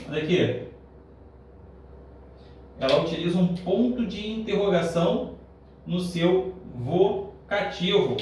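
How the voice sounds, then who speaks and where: A Brazilian man teaching grammar in an upbeat, explanatory way, slowing down on his examples and checking in with the class. His voice sits a bit high for a man. It sounds very echoey and distant, picked up from across a classroom with a faint hiss behind. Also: a little mellow. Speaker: Portuguese teacher.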